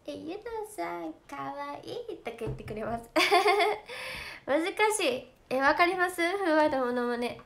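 A young woman with a Kansai accent chatting casually on a livestream for fans, giggly and talkative, slipping into quick impressions of friends. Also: high-pitched, expressive, gravelly, a bit bright. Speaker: idol trainee streaming to fans.

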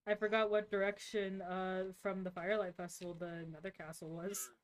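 A woman's voice: mid-range voice, little pitch movement, brisk. Laid-back woman streamer chatting. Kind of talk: casual chat while gaming.

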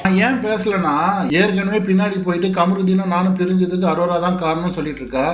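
A man's voice: sits high, steady tone, a little fast, reverberant. A man giving casual commentary, answering a video clip with sarcastic, mocking retorts. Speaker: reality show commentator.

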